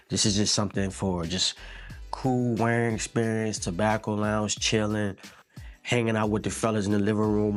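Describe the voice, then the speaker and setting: Male reviewer, somewhat low voice, easygoing slangy delivery, faint music in the background. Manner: laid-back, slangy, repeats words and says "man" often. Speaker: fragrance reviewer. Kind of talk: casual product review.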